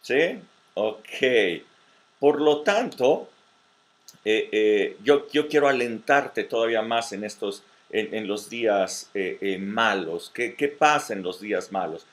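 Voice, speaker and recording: In a virtual meeting, a male pastor with a lowish, animated voice leads a Bible study sermon at a slow pace. He hesitates a lot, repeats words, and checks in with his listeners.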